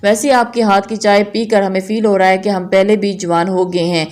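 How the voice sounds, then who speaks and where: A woman's voice: mid-range voice, level tone, close to an everyday voice. A woman reading as a jovial elderly grandfather figure. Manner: gentle, polite, formal speech. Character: jovial elderly father-in-law, fond and teasing.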